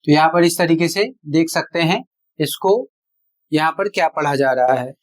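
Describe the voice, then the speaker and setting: A teacher giving an online pronunciation lesson, explaining each rule deliberately and repeating examples step by step. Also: mid-range voice.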